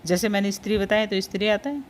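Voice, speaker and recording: A woman teaches a Hindi spelling lesson, saying each word, repeating it, and patiently noting which ones matter. Her voice is mid-range and her pace fast, with a little hiss or hum on the recording.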